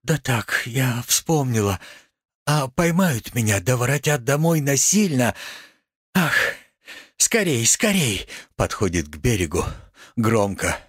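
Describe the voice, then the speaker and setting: Male reader doing a grieving young woman, husky, dry room. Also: medium pitch, very animated, slow, no room sound, voice pushed up, full character voice. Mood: anguished. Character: young woman, anguished, yearning for death.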